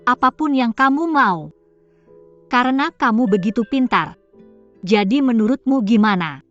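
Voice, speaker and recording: A hurt young woman in a serial drama stands up to her partner. Her voice is on the high side. The sound is slightly dull, with music underneath. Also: animated, measured pace, a bit bright. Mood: cold, defiant. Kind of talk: dubbed serial drama dialogue. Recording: dull lo-fi audio, music behind.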